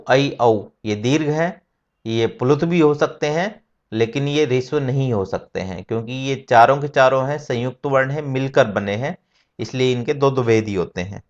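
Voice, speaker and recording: A man teaching Sanskrit grammar in an explanatory lecture, counting off terms one by one in a methodical way. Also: mid-range voice. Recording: dull lo-fi recording.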